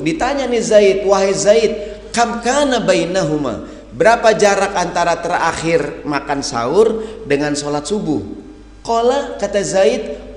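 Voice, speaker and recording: A man preaches a sermon with lively humor and speaks in a fairly high voice. He keeps turning to the audience and acting out the people who question him. His voice rings through a roomy hall with a long echo. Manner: animated, acts out questioners, addresses audience as hadirin. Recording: echoey hall with long reverb.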